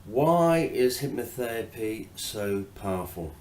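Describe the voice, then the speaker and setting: A male hypnotherapist talking informally and hesitantly about hypnotherapy, with many fillers, then gently guiding the listener through their breathing. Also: mid-range voice, expressive, slow pace, echoey room, slight background noise. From England. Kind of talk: informal talk to camera on hypnotherapy.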